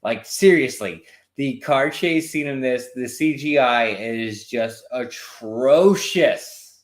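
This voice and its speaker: A tipsy man giving a casual, scornful movie review, emphatic and halting, often repeating his phrases. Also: mid-range voice. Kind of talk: casual spoiler review chat. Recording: roomy echo.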